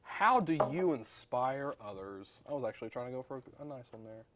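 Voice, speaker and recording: Joking young man with lively pitch. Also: brisk, background noise. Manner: joking, teasing, animated. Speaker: co-host. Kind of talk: casual chat.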